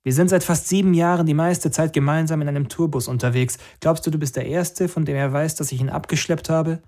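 A man's voice: mid-range voice, steady tone, fairly quick, a little mellow, close to an everyday voice. A man reading an audiobook, voicing a cool, blunt young woman singer in a dry, matter-of-fact way.

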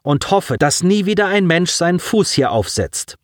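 A man voicing a calm commanding officer. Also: sits high, moderate pace, dry recording, studio quality, pitched above the performer's own voice. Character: steady male officer giving orders.

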